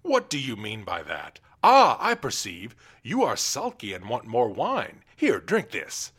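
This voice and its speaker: A man's voice: huge pitch swings, a little slow, a bit bright, breathy edge, exaggerated voice. A man voicing a blustering, cruel fat king who mocks and bullies his jester. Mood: roaring. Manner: booming, mocking, bullying.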